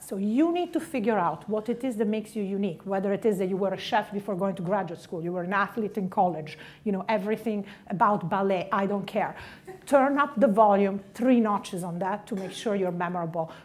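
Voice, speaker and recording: A middle-aged woman from Italy talks fairly quickly in a medium-pitched voice, her Italian accent coloring a direct, punchy motivational speech on careers. She puts clear stress on key words.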